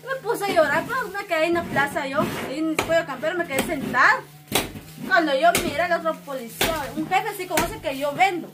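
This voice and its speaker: A woman rushes through her own account in a high voice, breaking off and restarting mid-sentence. The recording carries steady background noise. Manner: rambling, breathless storytelling with broken restarts. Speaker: woman telling of being beaten. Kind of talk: emotional first-person account.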